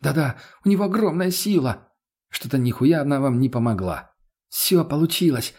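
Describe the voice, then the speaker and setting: A man reading an audiobook, voicing a frightened, shaken teenage captive who speaks in short, halting bursts. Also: fairly high pitch, lively intonation, a little mellow, slightly rough. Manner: fast, halting, pleading.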